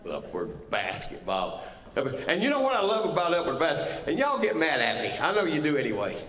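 A man's voice: fairly high pitch, sing-song, fast, a bit bright, recorded from a distance. A man preaching a sermon, telling folksy jokes to his congregation. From United States. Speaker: pastor. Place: church sanctuary. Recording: roomy church sound from off mic.

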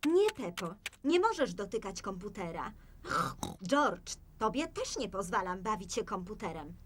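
A woman voicing a calm, sensible mother pig in a dubbed cartoon, patient and gently firm. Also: medium pitch, measured pace, slight background noise.

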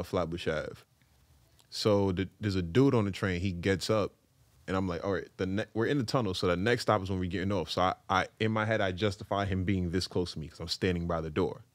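A man's voice: low-pitched, no echo. A man in his thirties with a Brooklyn accent tells a story in a slangy, conversational podcast style. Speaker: podcast speaker telling a personal story. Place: small indoor podcast studio. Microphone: close podcast mic on boom arm.

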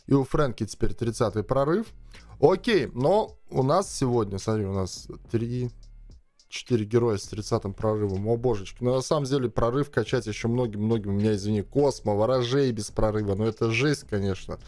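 A young gaming streamer with a mid-range, slightly mellow voice talks fairly quickly as he plays a mobile game. Using a headset in a small room, framed by a webcam, he chats casually and thinks aloud to viewers; the sound is dry and close, with faint music behind.

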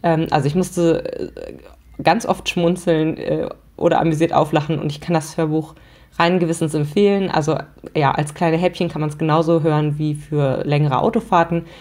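Female podcast host, casual chatty review, low and mellow. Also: steady tone, normal speed. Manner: chatty, many fillers.

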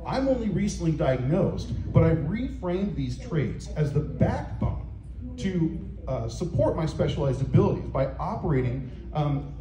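Speaking into a handheld microphone that plays through the room speakers of a hotel meeting room, a middle-aged man presents at a conference. His delivery is loud and booming, full of fillers and restarts, and the echoey room carries faint noise.

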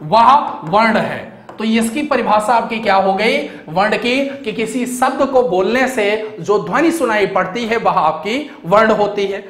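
A man's voice: high voice, measured pace, few pauses, a bit bright, reverberant. A male teacher giving an exam-prep grammar lecture, explaining step by step, repeating key words and asking and answering his own questions. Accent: Hindi, North Indian.

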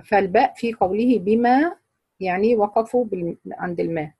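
A woman's voice: mid-range voice, a little fast, slightly rough, no room sound, muffled recording. A woman with an Egyptian Arabic accent teaching Quran recitation rules to a class, explaining patiently and quizzing her students.

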